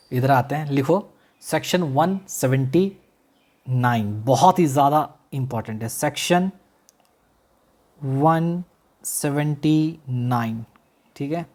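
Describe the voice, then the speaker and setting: A male law teacher lectures in classroom style, blending Hindi with English legal terms, slowly repeating key phrases and quizzing his students. His voice is a little high with a darkish tone.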